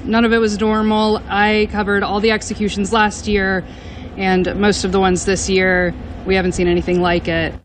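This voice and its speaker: A man's voice: high voice, monotone, normal speed, a little hiss or hum. A man giving a spoken eyewitness account as a reporter. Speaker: reporter who covers executions.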